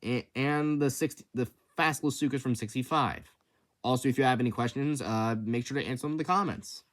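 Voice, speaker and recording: A man's voice: medium pitch, brisk. A young man casually explaining contest rules, stammering often with many restarts and fillers. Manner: impulsive, enthusiastic. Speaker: channel host announcing a creature-design contest. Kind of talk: casual unscripted rules rundown.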